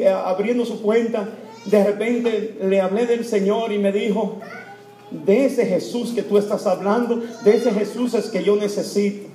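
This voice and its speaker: A man with a notably high voice delivers a heartfelt sermon in a church. His preaching swings between loud, fervent cries and hushed, tender tones, and he repeats words for emphasis. The sound rings around a reverberant hall. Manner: repetitive, with many fillers. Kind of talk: emotional sermon. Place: church before Mass. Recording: echoey church room.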